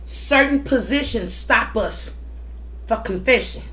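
A woman's voice: fairly high pitch, takes it slowly, fairly bright tone, slight background noise. A middle-aged woman giving testimonial vlog talk in a preacher-like, emphatic way, repeating short phrases. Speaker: mukbang vlogger. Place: small indoor room at home.

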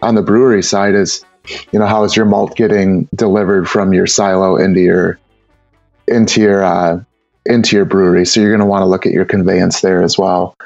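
A man's voice: deep voice, flat delivery, a little fast, a little mellow, no room sound, highs cut off, soft background music. A man talking casually as a brewer guest on an interview podcast, rambling with many repeated words and fillers.

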